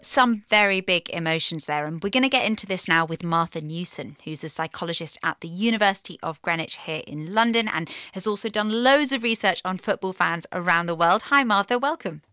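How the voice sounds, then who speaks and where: A woman's voice: fairly low pitch, animated, a little fast, hardly any pauses, bright, forceful tone, clean tone, no echo, clean studio sound. A female radio host in London, interviewing a guest in an engaged, conversational way. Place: London studio.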